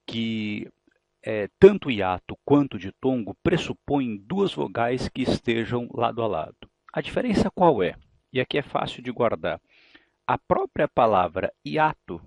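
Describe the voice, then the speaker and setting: Man, brazilian portuguese accent, grammar teacher, rhetorical questions, gravelly, dry room. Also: medium pitch, darkish tone, no room sound. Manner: explanatory, asks rhetorical questions, repeats key points. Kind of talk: exam-prep grammar lesson.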